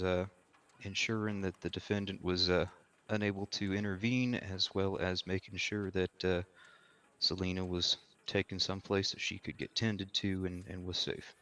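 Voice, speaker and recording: A man playing an armed frontier woodsman giving careful, formally worded, halting testimony in a courtroom role-play. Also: low voice, a bit bright.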